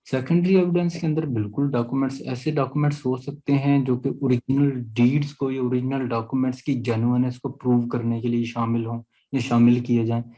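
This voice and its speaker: The audio is low quality, but the law lecturer comes through brisk and nearly pause-free, his mid-range, dark voice keeping fairly even intonation. With a Pakistani accent, he leads an explanatory class, going step by step, often checking understanding and taking students' questions.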